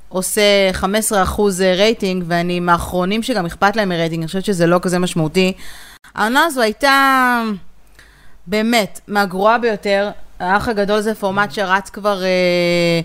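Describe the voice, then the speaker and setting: A woman's voice: mid-range voice, a bit bright, clean tone. A woman with an Israeli accent chatting casually and giving emphatic opinions as a co-host. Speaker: podcast co-host. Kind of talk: opinionated casual chat about pop culture.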